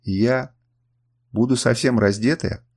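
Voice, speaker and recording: A man's voice: mid-range voice, fairly even intonation, takes it slowly, a little mellow. A man voicing a proud, cunning woman queen in an audiobook, with an emotional delivery in a raised voice. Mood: pleading. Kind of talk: audiobook character reading.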